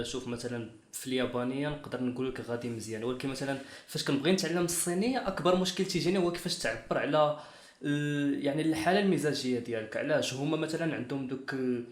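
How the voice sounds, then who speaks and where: A man with a Moroccan Arabic accent, hosting an interview in casual chat and explaining his questions at length. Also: a little high. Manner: rapid, talks in long explaining runs. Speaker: interview host. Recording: echoey room.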